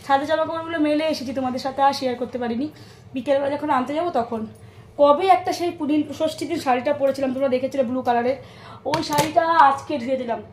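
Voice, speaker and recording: Speaking very fast in a high voice, with a faint hiss or hum in the recording, this woman vlogs her household chores casually. She talks straight to viewers as she works in her kitchen and on her rooftop.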